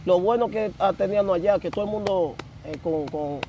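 A young man, telling his story as an interview guest in slangy, animated casual talk. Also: high voice, a little fast, dull audio, a little hiss or hum. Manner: animated, slangy, repeats filler words.

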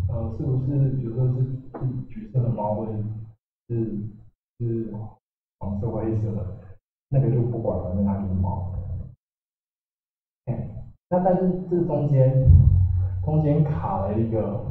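A man giving a technical talk at a meetup, halting, with many fillers and restarts. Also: mid-range voice. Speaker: meetup speaker. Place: meetup room. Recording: echoey room, far from mic, tinny.

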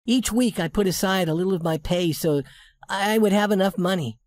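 A woman's voice: mid-range voice, fairly quick, a little mellow, dry recording, studio quality, lightly acted. Madame Beaumont, a woman voicing a refined lady. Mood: candid. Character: young working woman posing as a rich lady. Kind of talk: storybook reading for English learners.

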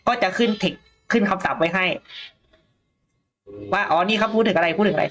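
A woman's voice: medium pitch, a little fast, a bit bright, faint music behind. A woman co-hosting a news talk show, thinking aloud in a casual panel discussion with frequent hesitations.

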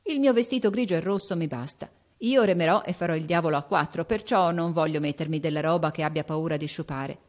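A woman voicing a spirited, impulsive teenage girl in an audiobook, with an excited, emphatic delivery. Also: deep voice, fairly quick, hardly any pauses, natural voice. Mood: eager. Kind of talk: audiobook character voice.

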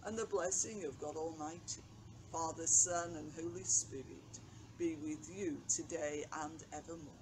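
Older woman vicar reading slowly. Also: sits low, fairly even intonation. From England. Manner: slow, measured reading from notes. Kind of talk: daily reflection and prayers. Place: outdoors by a brick wall on a bench. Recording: noisy outdoor recording.

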